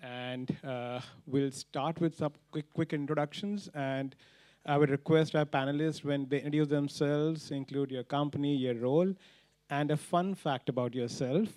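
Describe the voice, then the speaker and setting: A man moderating a conference panel, brisk and friendly. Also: fairly high pitch, steady tone, darkish tone, dry recording. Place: conference stage.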